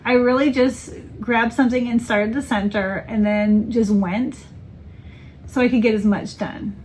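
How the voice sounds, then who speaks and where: A woman's voice: a little high, steady tone, a little slow, a little mellow, slight background noise. A woman in casual chat as a crafting vlogger, rambling and correcting herself with many ums. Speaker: cross-stitch vlogger.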